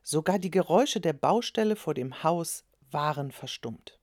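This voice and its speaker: Female storybook narrator, low, lively, dry close sound. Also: moderate pace, no echo. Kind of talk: storybook reading.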